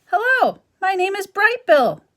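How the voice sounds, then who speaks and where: A woman's voice: mid-range voice, very animated, normal speed, a bit bright. A woman reading a children's novel aloud, voicing a young male gosling with an eager, anxious child's voice.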